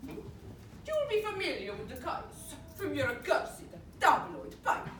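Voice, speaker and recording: A woman's voice: high-pitched, sing-song, a little slow, a crowd in the background. A woman playing a pompous, hot-tempered male Spanish don who interrogates prisoners, with a put-on Spanish accent and a theatrical, blustering delivery in a live stage comedy. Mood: scheming. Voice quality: theatrical, blustering, with sudden shouted outbursts. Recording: echoey stage, picked up from far off.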